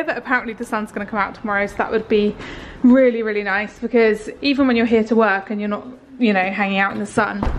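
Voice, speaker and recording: A young woman in her twenties, a vlogger, gives a chatty, upbeat, rambling tour of a rented house, full of fillers. She holds the camera at arm's length, and her medium-pitched voice comes with a little hiss or hum.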